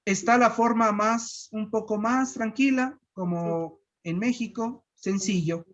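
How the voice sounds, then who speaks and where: Un profesor de Guatemala que enseña pronunciación con calma, repitiendo sílabas despacio. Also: mid-range voice, dull audio. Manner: patient, repeats syllables slowly. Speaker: language teacher. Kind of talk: slow pronunciation lesson.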